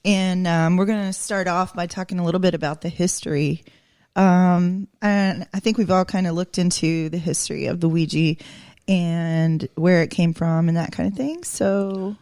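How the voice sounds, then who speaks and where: A woman co-hosts a podcast in a friendly, chatty way, with frequent fillers. Her voice is fairly low for a woman, recorded dry and close. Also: fairly even intonation, moderate pace, dark tone, no room sound. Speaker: podcast co-host. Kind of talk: casual podcast chat.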